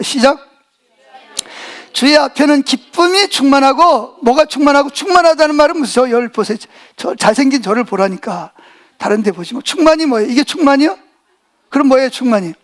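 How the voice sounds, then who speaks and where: High-voiced man preaching, call and response. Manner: call-and-response preaching, asking the congregation questions; folksy, joking and blunt. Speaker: pastor. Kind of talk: sermon.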